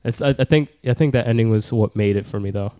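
A man's voice: fairly low pitch, fast, dark tone, no room sound, clean studio sound. A young man hosting a podcast, chatting casually and rambling about a film he liked, swearing now and then. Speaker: podcast host. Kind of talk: casual film review chat.

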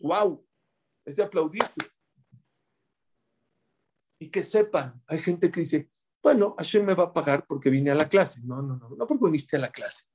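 A man giving a Torah class, animated, talking straight to his listeners and acting out quoted voices with big swings in pitch and loudness. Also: unhurried, long pauses, breathy edge. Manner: speaks directly to listeners, acts out quoted voices. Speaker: rabbi teaching a Torah class.

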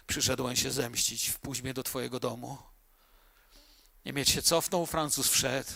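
A man preaching a sermon as pastor, emphatic and stretching key words slowly. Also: a little high, vocal fry, sharp tone.

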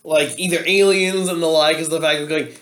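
A man co-hosting a casual podcast, throwing in quick laughing asides and wrapping up the show. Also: a little high, fairly even intonation, a bit bright. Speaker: podcast co-host. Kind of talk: casual chat. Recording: echoey room with faint noise.

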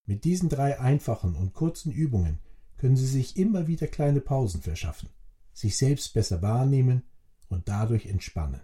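A man reading a scripted guided relaxation as a podcast narrator, in a measured, instructional way with formal address. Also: medium pitch, big pitch swings, warm tone, faint music behind.

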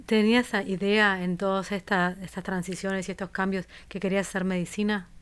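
A woman's voice: medium pitch, flat delivery, a little fast, clear, resonant tone, no room sound. Woman hosting an interview podcast. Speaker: podcast host.

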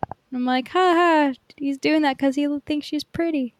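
Rambling through a casual film chat, this young woman co-hosting a podcast keeps saying "like." Her voice sits high and moves at a moderate pace.

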